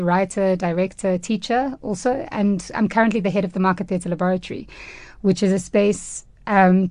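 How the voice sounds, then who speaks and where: South African woman heading a theatre lab, radio guest, mid-pitched, measured, dry studio sound. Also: darkish tone, dry recording. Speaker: head of a theatre training space.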